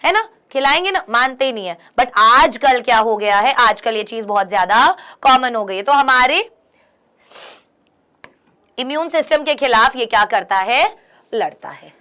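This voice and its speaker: A young woman teaching an exam-prep lesson, reading English lines slowly and then explaining them, often asking her students questions to check they follow. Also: fairly high pitch, animated, pushed and bright.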